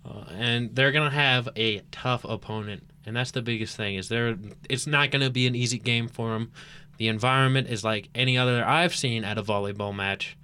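A man's voice: mid-range voice, steady tone, moderate pace, sharp tone, a little hiss or hum. A young man co-hosting a casual college sports preview, playful and eager to build up the home team. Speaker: sports show co-host.

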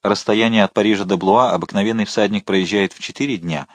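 A man narrating a novel as an audiobook, in a measured, expressive reading. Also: on the low side, no echo.

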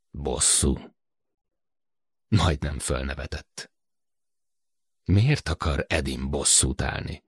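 A man narrating a science fiction audiobook, expressive and measured. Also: very deep voice, husky, no echo, clean studio sound. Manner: expressive storytelling.

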